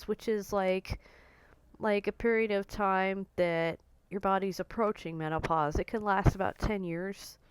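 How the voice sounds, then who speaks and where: With no room sound around her, a mid-range, somewhat hoarse and croaky voice belongs to a woman in her forties. She vlogs to camera casually, bluntly saying exactly what she thinks.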